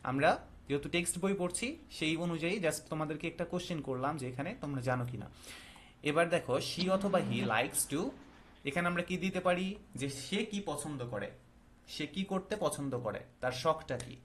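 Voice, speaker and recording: A man teaching a class. His voice sits a little high, and he explains step by step and asks the students questions. A faint hiss runs behind him. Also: lively intonation, normal speed, fairly bright tone. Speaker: English teacher. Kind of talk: classroom lesson.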